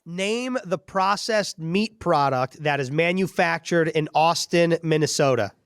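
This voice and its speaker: Easygoing male podcast host, slightly high voice, dry close mic. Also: a little slow, fairly bright tone, smooth, no echo. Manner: friendly, easygoing, laughs often. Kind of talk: casual sports podcast chat.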